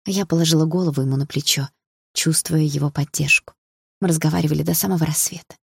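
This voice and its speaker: Low, husky woman reading a story. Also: fairly even intonation, quick pace, dry recording, studio quality. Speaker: audiobook narrator. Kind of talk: scripted narration.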